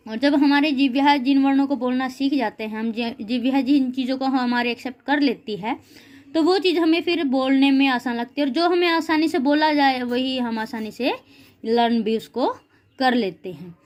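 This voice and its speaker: A woman whose voice sits high is teaching young children, calm and supportive throughout. She takes the drilling slowly and refers to her students as "beta ji."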